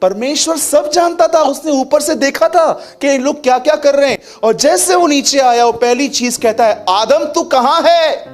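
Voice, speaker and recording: A male pastor preaching an animated sermon, acting out quotes as he tells stories. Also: very high-pitched, normal speed, hardly any pauses. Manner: animated, acts out quotes and laughs. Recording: faint music behind.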